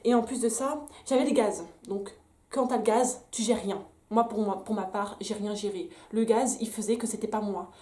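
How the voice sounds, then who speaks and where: A woman's voice: mid-range voice, steady tone, moderate pace, dark tone. A young woman vlogger candidly telling a personal story straight to the camera, emphatic and full of restarts. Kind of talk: story time vlog. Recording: echoey room.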